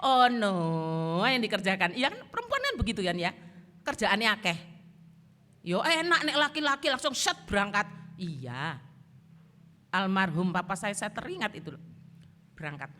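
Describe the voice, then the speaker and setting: Bright-voiced woman preaching. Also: medium pitch, normal speed, pauses often. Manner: lively storytelling, mixing in Javanese phrases. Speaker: pastor. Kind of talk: sermon. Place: church service. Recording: long church-hall reverb.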